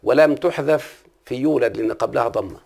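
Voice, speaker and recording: Gravelly Egyptian man teaching grammar. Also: medium pitch, quick pace, a little mellow. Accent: Egyptian Arabic. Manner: asks the listener frequent check-in questions. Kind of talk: classical Arabic grammar lesson.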